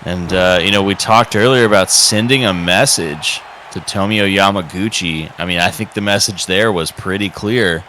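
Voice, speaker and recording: A man's voice: sits low, moderate pace, few pauses, sharp tone, slight background noise. A man giving wrestling commentary as the color analyst, in a conversational, analytical way.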